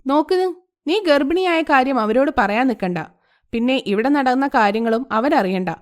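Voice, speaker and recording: A woman's voice: high-pitched, animated, normal speed. A woman voicing a domineering, scheming older mother-in-law who gives orders and threatens, in a storybook tale. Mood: menacing. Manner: threatening, commanding.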